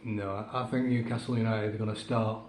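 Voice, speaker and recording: Man co-host, mellow and measured, echoey room with faint hiss. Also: on the low side, level tone. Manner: measured, thoughtful with fillers. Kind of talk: casual football prediction chat.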